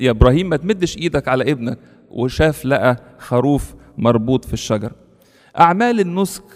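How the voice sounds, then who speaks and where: A man preaching a sermon in an Egyptian Arabic accent, lively and slowing down to quote scripture. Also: a little high, long reverb tail. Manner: lively, rising for emphasis, quoting scripture slowly.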